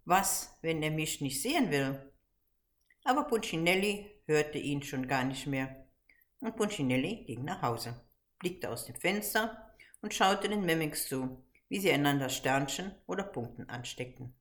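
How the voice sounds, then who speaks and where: Woman, low voice, storybook reader, calm, even-paced. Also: unhurried. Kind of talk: storybook reading.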